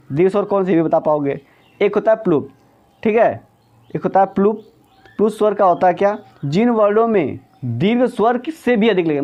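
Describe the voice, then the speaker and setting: High-voiced male Hindi teacher. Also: dark tone, highs cut off. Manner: repeats questions and answers them himself. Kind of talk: exam-prep grammar lesson.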